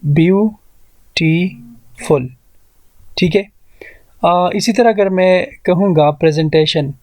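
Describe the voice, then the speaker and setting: धीमे बोलने वाला पुरुष शिक्षक. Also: male voice, on the high side, creaky, a little mellow, no room sound. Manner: slow, spells words out syllable by syllable; mixes Hindi-Urdu explanation with read-out English rules. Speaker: English teacher. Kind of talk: classroom grammar lesson.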